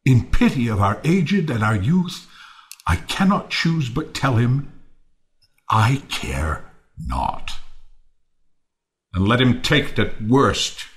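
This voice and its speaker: An actor playing Timon, a bitter, world-weary misanthrope, theatrically mournful and ranting in a Shakespearean audio play. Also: male voice, mid-range voice. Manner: theatrical, swinging from quiet to declaiming.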